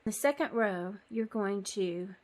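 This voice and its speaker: A woman's voice: mid-range voice, animated, measured pace. A woman giving a casual step-by-step knitting tutorial, chatty and apologetic, with frequent ums. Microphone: phone.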